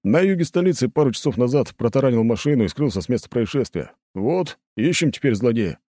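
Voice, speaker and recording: A man voicing a fawning male traffic police lieutenant who talks fast and over-politely in an audiobook. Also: mid-range voice, expressive, warm tone, dry recording, clean studio sound, voice pushed up, lightly acted. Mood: ingratiating. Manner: rapid, obsequious and over-polite.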